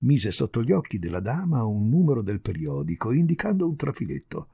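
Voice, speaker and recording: Un uomo che legge un racconto umoristico ad alta voce, con tono espressivo e teatrale. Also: male voice, medium pitch, fairly quick, vocal fry, slightly rough, no room sound, clean studio sound. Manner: expressive, theatrical. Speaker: reader. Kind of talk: storytelling reading.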